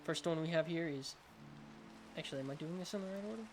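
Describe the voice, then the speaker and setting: A man's voice: fairly high pitch, fast, a little hiss or hum. A man with a lisp giving casual, rambling game showcase commentary, often hesitant and unsure of himself. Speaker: gaming video host.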